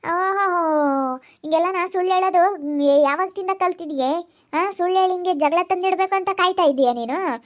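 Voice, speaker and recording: Woman playing a sharp-tongued accusing sister-in-law. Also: very high-pitched, moderate pace. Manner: accusing, sarcastic, insistent. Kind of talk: amateur family drama acting. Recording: dull lo-fi sound.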